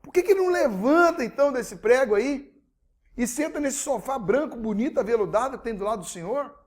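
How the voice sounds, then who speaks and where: A man's voice: extremely high pitch, animated, fairly quick, voice pushed up. Incredulous, questioning traveler, put on by a male storyteller. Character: puzzled male traveler at a gas station.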